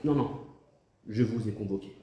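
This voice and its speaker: A man plays a self-important president in a comic sketch. His voice is low and soft-edged, in a roomy echo. He is stern and insinuating, dressing up threats as diplomacy. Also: moderate pace, close to an everyday voice. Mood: indignant, pompous. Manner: pompous, insinuating, mock-diplomatic. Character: stern, pompous human president scolding and threatening a rival.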